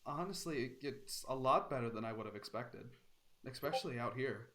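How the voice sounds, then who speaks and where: A man voicing a calm, mildly impressed male townsperson in a tabletop game. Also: medium pitch, normal speed.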